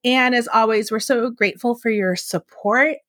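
A woman's voice: fairly high pitch, moderate pace, fairly bright tone, no echo. A woman who is a librarian co-hosting a book podcast, chatting in a friendly, giggly way with frequent ums. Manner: giggly, friendly, hesitant fillers. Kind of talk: casual chat.

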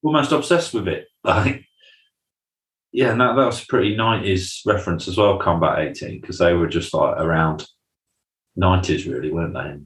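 A man co-hosting a podcast chats through a recap, regularly performing lines from scenes in funny voices. His voice is low and he talks at a normal speed. There's a roomy echo on the recording.

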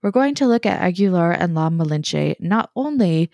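A woman's voice: on the low side, animated, moderate pace, creaky, a little mellow, no echo, clean studio sound. A young woman hosting a casual history podcast, chatty and self-deprecating, sometimes tripping over her words. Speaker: podcast host.

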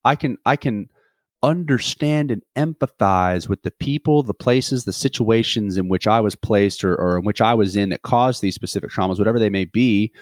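A twenty-something man carries a solo podcast in a thoughtful, wandering way, full of false starts and filler words. His medium-pitched voice is captured dry, with a clean studio sound.

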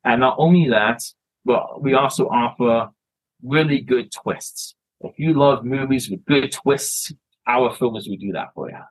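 A man's voice: medium pitch, measured pace, breathy edge, low-quality recording. A man from Canada, a filmmaker guest chatting casually in an interview, rambling and often restarting his words.

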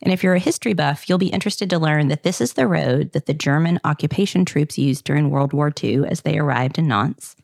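Southern-accented woman podcast host, chatty and upbeat, low gravelly voice. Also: brisk, hardly any pauses, a little mellow, no room sound, studio quality. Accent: Southern US, Kentucky. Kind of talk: casual scripted narration.

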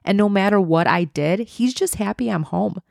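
Woman on a church podcast telling a bible story, low gravelly voice, dry sound, acts out the characters. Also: moderate pace, a little mellow, no room sound. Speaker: podcast co-host. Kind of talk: casual faith podcast chat, retelling a parable.

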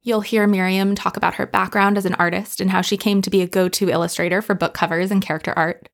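A woman hosts a podcast in a voice with a lot of vocal fry and a gravelly edge. She sounds friendly and chatty as she asks her questions, with her pitch sitting in a middle range. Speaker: podcast host and bookshop owner. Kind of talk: podcast interview.

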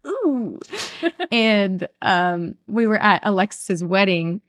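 A woman's voice: medium pitch, slow pace, no room sound, studio quality. A woman guest telling stories in a casual podcast chat, laughing often. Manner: giggly storyteller, laughs often.

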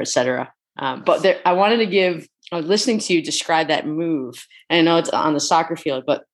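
A woman who used to be a basketball head coach, speaking as a podcast guest in a thoughtful, reflective way and often checking in with "right?". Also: low voice. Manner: thoughtful, adds "right?" after her points. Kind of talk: reflective interview talk.

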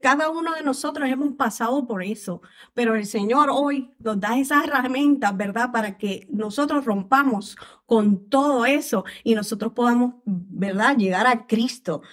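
A woman's voice: on the high side, normal speed. A woman in a devotional podcast discussion who fills her speech with tag questions and fillers while urging confession. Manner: tag questions and fillers, repeatedly saying "¿verdad?" and "este".

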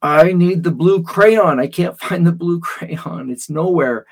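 A man's voice: mid-range voice, unhurried, gravelly, a little mellow. A man voicing an upset five-year-old girl in a raised, childlike, pleading delivery.

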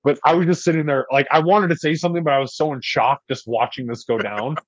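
A man's voice: mid-range voice, fast, no room sound. Young male guest, chatty and profane, many fillers, muffled dry audio. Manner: rambling, heavy use of "like", profane. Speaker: podcast guest. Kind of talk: casual storytelling. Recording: dry, dull lo-fi podcast audio.

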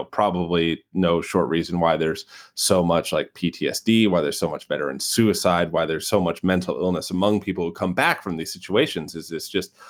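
A man with an American West Coast accent co-hosting a podcast, talking casually about a film with lots of fillers and restarts. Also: sits low. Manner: rambling, many fillers and restarts. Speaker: podcast co-host.

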